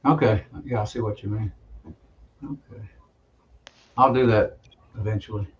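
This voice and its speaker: A man's voice: on the low side, fairly even intonation, moderate pace, dull audio. A plainspoken, folksy man on a live-stream voice chat, new to streaming and chatting casually. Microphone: online voice chat.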